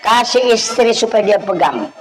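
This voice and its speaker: A man's voice: high voice, lively intonation, measured pace, rough recording. A man with a Bugis accent preaching a humorous sermon at an evening gathering, teasing the audience and acting out scolding parents.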